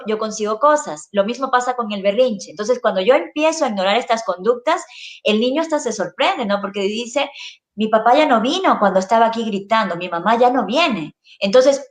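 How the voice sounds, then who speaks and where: A woman, a child neuropsychologist, patiently explaining parenting in an interview and adding little checking questions. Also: fairly high pitch. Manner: patient, explains with rhetorical tags. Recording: echoey room.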